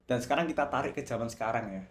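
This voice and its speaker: A young man from Java speaks with a clear Javanese accent in a relaxed, reflective commentary, easily switching between Javanese, Indonesian and bits of English. His voice sits at an ordinary middle pitch. A faint noise runs underneath the recording. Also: rapid-fire. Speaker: video essayist.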